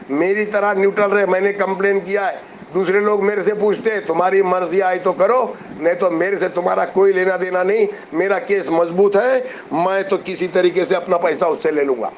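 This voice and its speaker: A man's voice: high voice, slight background noise, poor audio. A middle-aged man, delivering a combative, mocking commentary rant to investors. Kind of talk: heated video commentary.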